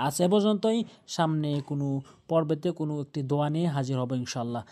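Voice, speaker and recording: A male recitation teacher speaks at a deliberate, careful pace. He breaks each word into single sounds and says them again and again. Now and then he chants a line in long, stretched tones. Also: on the high side, animated, mellow. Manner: spells sounds out syllable by syllable and repeats them slowly; chants the prayer in a drawn-out recitation. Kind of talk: slow tutorial on prayer pronunciation.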